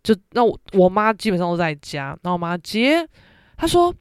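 Young woman, Taiwanese Mandarin accent, casual podcast storytelling, very lively pitch, dry close sound. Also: normal speed, smooth, dry recording. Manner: animated, acts out family members' voices. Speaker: podcast host.

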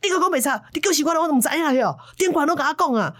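A woman voicing a stern middle-aged male temple medium who shouts angrily in Taiwanese Hokkien. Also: fairly low pitch, animated, a little fast. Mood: furious scolding.

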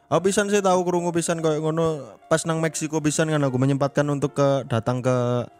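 A man's voice: fairly high pitch, steady tone, a little fast, a little mellow, clean tone. A man with an East Javanese accent co-hosting a podcast, chiming in with short agreements and jokes. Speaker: podcast co-host. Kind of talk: casual podcast chat.

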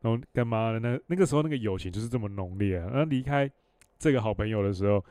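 Taiwanese Mandarin accent, man, thirties, podcast host, mellow deep voice, rambling and profane. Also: animated, fast talker, no room sound, studio quality. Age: 30s. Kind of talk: casual solo podcast storytelling.

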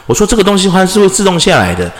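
A young man from Taiwan, host of a casual chat podcast, telling stories in an animated way, swearing and acting out quarrels loudly. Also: high voice, very fast. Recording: echoey room with long reverb.

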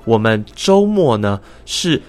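A man in his twenties with a Taiwanese Mandarin accent, a stage comedian casually explaining in an interview, quick to agree. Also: medium pitch, big pitch swings. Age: 20s. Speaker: crosstalk performer, guest.

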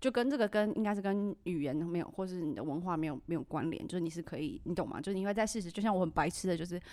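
A woman's voice: on the low side, expressive, very fast, a little mellow, dry recording. A woman hosting a podcast in casual chat, laughing often and acting out the reactions she quotes. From Taiwan. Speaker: podcast host.

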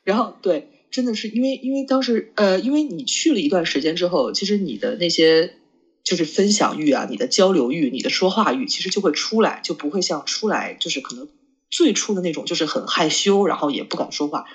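A woman's voice: fairly low pitch, lively intonation, brisk, slightly rough. A woman co-hosting a podcast, chatting casually with a friend, rambling with many fillers and restarts. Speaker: podcast co-host. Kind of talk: casual chat between friends.

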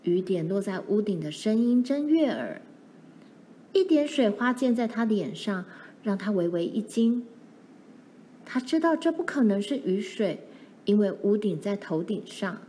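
Woman storyteller, mid-pitched voice, gentle even read-aloud delivery. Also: measured pace, slight background noise. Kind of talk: storybook reading.

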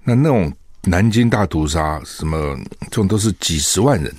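A man's voice: deep voice, lively intonation, moderate pace, a little mellow, no echo, studio quality. An older man hosting a talk radio show and commenting on the news. He speaks in a folksy, conversational way and keeps asking rhetorical questions.

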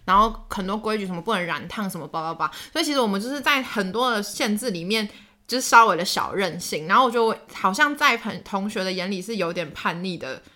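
A young woman with a Taiwanese Mandarin accent, co-hosting a casual chat show and telling stories from school days with frequent laughter. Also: mid-range voice. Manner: animated storytelling, laughs often. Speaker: YouTuber co-host.

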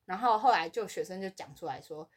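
A woman co-hosting a podcast, telling a workplace story in casual chat and acting out the other people's lines with big swings in her voice. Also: fairly quick. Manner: animated, acts out quoted voices with big pitch swings. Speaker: podcast co-host.

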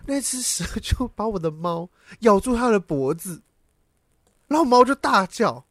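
A man's voice: high-pitched, expressive, measured pace, a bit bright, no room sound, clean studio sound. A man co-hosting a casual chat podcast, dramatically retelling a story with laughs and the odd swear. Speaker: podcast co-host.

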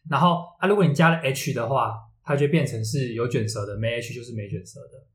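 A man's voice: mid-range voice, fast talker. A man with a Taiwanese accent explaining things in a casual discussion, readily arguing his point. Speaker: podcast co-host. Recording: roomy echo, faint background noise.

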